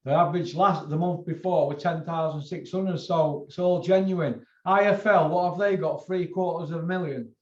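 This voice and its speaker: The host of a boxing video channel, a man with a Northern English accent, talks at normal speed with few pauses in a voice on the high side. His casual chat is colloquial and sweary, rambling and circling back as he repeats himself; the recording sounds roomy, dull and lo-fi.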